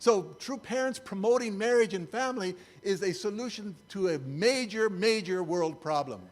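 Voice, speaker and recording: An older man with a high-pitched voice delivers a sermon-style talk while showing slides. His tone is wry and incredulous. He keeps it loose and conversational rather than preachy. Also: animated, moderate pace. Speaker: church speaker.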